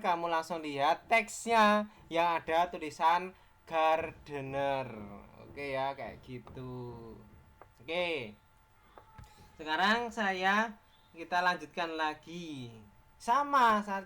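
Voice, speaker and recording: A man's voice: a little high, lively intonation, slow, pushed and bright. A man with an Indonesian accent teaching an exam-prep lesson, explaining step by step, quizzing his students and repeating key words.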